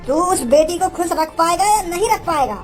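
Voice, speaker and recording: A woman's voice: very high-pitched, lively intonation, fairly quick, soft background music. A woman voicing a stern middle-aged cartoon father who scolds and bosses the young men around. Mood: bossy. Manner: scolding, bossy. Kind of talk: cartoon comedy dubbing.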